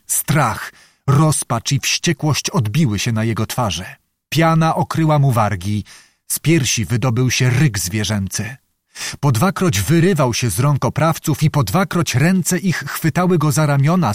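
A man's voice: mid-range voice, no room sound, clean studio sound. Man reading a historical novel dramatically. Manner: measured, dramatic storytelling. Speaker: audiobook narrator.

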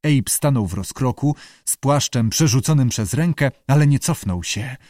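Expressive male audiobook narrator. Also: medium pitch, normal speed, no echo, clean studio sound. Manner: lively storyteller who acts out characters.

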